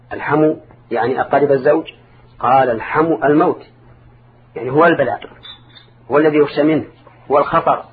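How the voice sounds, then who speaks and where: Older male religious scholar, phone-like sound. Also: mid-range voice. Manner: didactic, repeats and rephrases for emphasis. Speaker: Islamic scholar answering listeners' questions. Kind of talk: religious counsel, spoken formal Arabic. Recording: narrow phone-like band, clear background noise.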